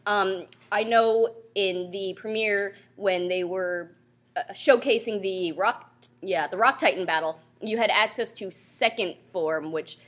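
A woman's voice: mid-range voice, measured pace, fairly bright tone. A young woman co-hosting a podcast live at a convention panel, chatting casually and rambling with many fillers. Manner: rambling, with frequent fillers and laughs. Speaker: podcast co-host. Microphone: handheld mic.

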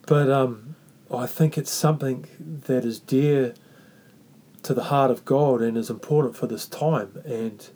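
Mellow, halting man with a Māori New Zealand accent. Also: medium pitch, steady tone. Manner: earnest, halting, repeats and restarts phrases. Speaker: podcast host. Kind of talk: reflective faith talk with Māori greetings and prayer.

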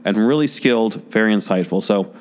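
A man hosting a podcast interview, chatty and relaxed with dry sarcasm. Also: lowish voice, brisk. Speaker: podcast host; college instructor. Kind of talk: casual interview. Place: office space during an event.

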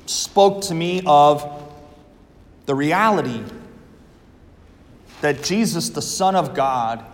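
Slow, solemn male priest in cathedral echo. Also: a little high, expressive. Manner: measured, solemn, with deliberate pauses. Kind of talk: Gospel reading and homily. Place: large church, indoors. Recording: echoey church with long reverb. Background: long cathedral-like echo.

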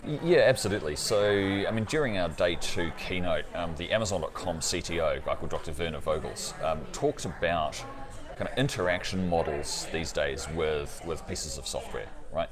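On a busy conference floor, a man who is a partner guest from a cloud company explains technology to an interviewer, often tagging his sentences with "right?". His voice is low and his pace moderate, with crowd chatter and noise audible behind him.

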